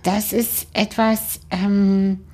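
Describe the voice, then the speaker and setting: A woman's voice: mid-range voice, little pitch movement, extremely slow, mellow. Hesitant woman in casual talk. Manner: hesitant, with frequent fillers and restarts. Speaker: stage speaker. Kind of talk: casual conversation.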